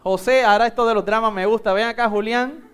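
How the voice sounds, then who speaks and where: Speaking fast in a clear, resonant voice that sits high, this Puerto Rican-accented man preaches as pastor. His sermon is lively storytelling: he narrates a Bible story and guides volunteers as they perform it.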